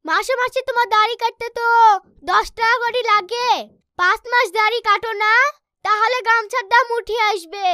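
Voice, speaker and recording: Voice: extremely high pitch, steady tone, normal speed, bright, forceful tone, no room sound, clean studio sound, full character voice. A performer voicing a practical, bossy village wife in a comic cartoon. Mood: coaxing. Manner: coaxing, bossy.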